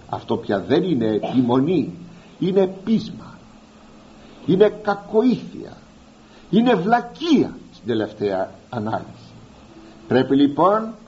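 A man preaching a sermon, speaking straight to his listeners and slowly drawing out the words he wants to stress. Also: fairly high pitch, a little mellow, highs cut off. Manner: addresses listeners directly as "beloved".

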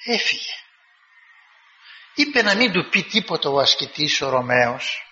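A male preacher delivers a sermon in a very bright, sharp, somewhat high voice. He tells his stories vividly and acts out the quoted dialogue in a raised voice. A dull recording carries a long reverb, as in a large hall. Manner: lively storytelling, acting out quoted dialogue in a raised voice.

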